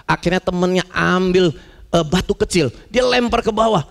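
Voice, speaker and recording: A male pastor preaching a lively, conversational sermon, mixing slang with acted-out stories. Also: high voice, moderate pace, vocal fry, in a large hall.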